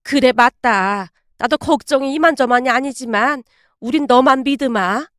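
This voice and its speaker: A woman's voice: sits high, moderate pace, fairly bright tone, dry recording, clean studio sound. A woman voicing a frank middle-aged mother-in-law who speaks matter-of-factly. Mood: blunt.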